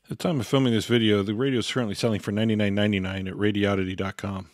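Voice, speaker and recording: Talking very fast in a low, level voice, a man demonstrates a product step by step in a plain, matter-of-fact way. He reviews and demonstrates products, and the recording has studio quality with no echo.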